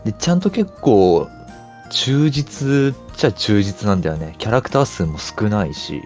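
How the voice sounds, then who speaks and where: A man with a slightly low voice co-hosts a podcast. He chats casually with lively intonation over faint background music. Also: moderate pace. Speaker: podcast co-host. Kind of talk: casual chat.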